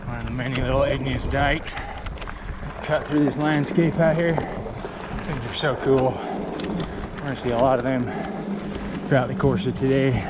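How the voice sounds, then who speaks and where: Folksy man vlogging outdoors in loud wind. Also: mid-range voice, fairly even intonation, moderate pace. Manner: folksy, enthusiastic. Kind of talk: casual outdoor vlog narration. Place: outdoors in windy open desert. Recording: dull audio with loud wind noise. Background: blowing wind.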